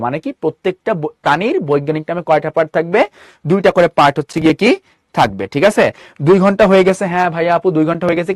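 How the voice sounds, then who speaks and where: A man's voice: a little high, no echo, studio quality. A man with a Bangladeshi Bengali accent teaching a live online class, rattling off questions to his students. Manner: quick, repeatedly quizzing students with rhetorical questions. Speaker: online tutor.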